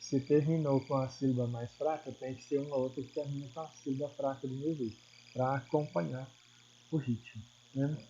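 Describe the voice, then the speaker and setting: A man's voice: mid-range voice, steady tone, a little fast, mellow, highs cut off, a little hiss or hum. A man with a Brazilian Portuguese accent, a teacher explaining a recorded video lesson patiently, with many fillers and repetitions.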